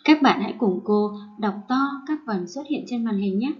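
A woman primary school teacher giving a recorded lesson to first graders, reading rhymes and words aloud slowly and clearly. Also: fairly high pitch, animated, muffled recording.

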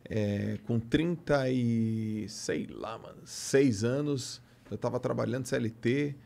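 Animated Brazilian man telling a story. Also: medium pitch, slow, creaky. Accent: Brazilian Portuguese. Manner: animated storyteller who acts out quoted dialogue. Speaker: podcast guest. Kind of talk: casual chat, storytelling.

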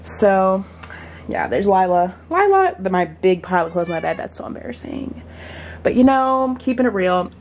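A young adult woman vlogs to a handheld camera held at arm's length, chatting casually in a slangy, self-deprecating way, her voice at medium pitch. She films in a small bedroom, a car, and a gym locker room, with slight background noise.

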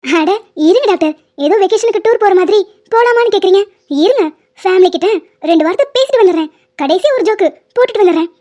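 A woman's voice: extremely high pitch, expressive, quick pace, warm tone. A woman voicing a young woman patient in a cartoon drama, teasing and chatty as she jokes with her family before surgery. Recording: dull lo-fi sound.

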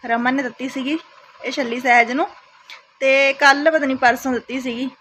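A woman's voice: high-pitched, steady tone, a little fast, pushed and bright, a little hiss or hum. A woman from Punjab in her thirties, a mother chatting casually to her family vlog audience and often tagging "isn't it" onto her sentences. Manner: chatty, keeps adding "isn't it" tags.

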